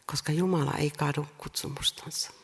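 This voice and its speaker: A woman preaching a sermon earnestly, repeating rhetorical questions and pausing between phrases. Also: sits low, creaky. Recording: reverberant hall sound.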